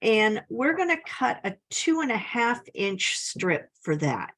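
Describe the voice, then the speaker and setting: A woman's voice: fairly high pitch, very animated, slow pace, a bit bright. A woman giving a casual, chatty scrapbooking tutorial, upbeat and full of little laughs. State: slight cough. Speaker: scrapbooking instructor.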